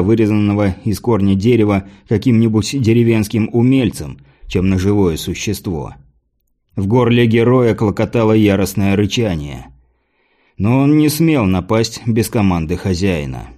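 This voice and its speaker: A man narrating a fantasy audiobook in a measured, even storytelling manner. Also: fairly low pitch.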